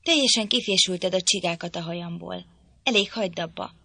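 A woman voicing a proud, irritable young lady in an audiobook, speaking in a sharp, commanding, petulant way. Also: lowish voice, gravelly, dry recording, full character voice. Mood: irritated. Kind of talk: audiobook reading.

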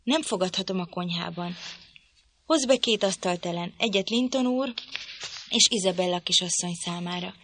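A woman's voice: lowish voice, a bit bright, slight background noise. A woman reading an audiobook, voicing an impassioned young lady of the manor who is breathless with joy and eager to win her husband over. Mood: defiant.

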